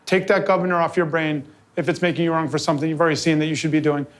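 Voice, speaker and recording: A man from New York with a fairly high voice talks to a live audience. His pace is quick and animated, and he runs from stories into practical tips with lots of asides. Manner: fast, animated storytelling with quick asides and quoted dialogue. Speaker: convention founder giving a presentation. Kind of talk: energetic live talk to an audience. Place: office event space with a live audience.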